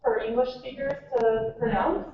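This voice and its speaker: A woman's voice: sits high, steady tone, moderate pace. Chatty Minnesotan woman in an echoey hall. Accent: Minnesotan American. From Minnesota, United States. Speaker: native English conversation partner. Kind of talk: chatty, storytelling, animated. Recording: distant, tinny, echoey hall with faint noise.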